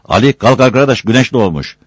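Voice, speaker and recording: A man doing a rough, hot-tempered young laborer. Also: mid-range voice, lively intonation, fairly quick, dry recording, studio quality, voice pushed up, lightly acted. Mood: grumbling. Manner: blunt, rough-spoken. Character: strong young male dough kneader, rough and hot-tempered.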